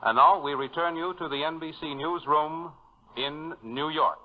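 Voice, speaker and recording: A man reading a radio news bulletin in a brisk announcer manner, heard through an old 1940s radio broadcast. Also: a little high. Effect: old 1940s radio broadcast sound. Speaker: newsreader. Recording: muffled 1940s radio recording with faint hiss.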